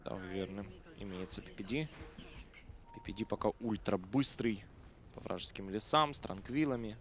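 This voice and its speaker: A man's voice: on the low side, moderate pace. Colloquial male esports commentator, noisy game backdrop. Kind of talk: live game commentary with casual banter.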